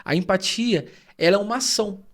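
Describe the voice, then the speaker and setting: Brisk and earnest, a high-voiced man co-hosts a reflective podcast conversation. He is from Rio de Janeiro state, Brazil, and thinks things through, explaining at length.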